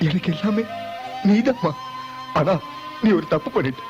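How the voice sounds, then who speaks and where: A man's voice: high voice, expressive, measured pace. An actor dubbing a grown son who grieves and rages at his birth mother, speaking with passion and repeating his lines. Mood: anguished. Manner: impassioned, pleading, repeating lines. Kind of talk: dubbed film acting. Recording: muffled film soundtrack with music.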